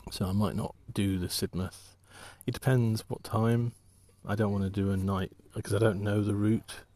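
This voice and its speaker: A man talking casually while out walking, rambling in halting, restarting sentences as he thinks aloud. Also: fairly low pitch, level tone, dark tone, dry recording. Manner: rambling, halting, many restarts and trailing thoughts. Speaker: walking vlogger and artist.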